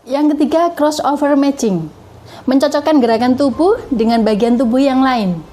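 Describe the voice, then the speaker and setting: A woman giving a calm, measured self-development lesson and explaining with spoken examples. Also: high voice.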